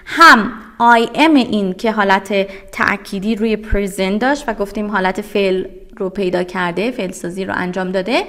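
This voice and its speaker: This is a woman with a somewhat high voice, teaching vocabulary in a recorded online lesson. She speaks with a Persian accent and works through each word step by step. She asks questions, answers them herself, and says the English terms slowly and clearly. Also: a bit bright. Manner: drills English words, slowly and clearly spoken.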